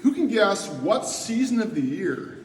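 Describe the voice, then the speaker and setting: A man's voice: high-pitched, sing-song, a little slow. A man working as a cave tour guide, instructing a group and putting questions to them in an echoing cave. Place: inside a cave, group around. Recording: echoey cave, distant mic, faint noise.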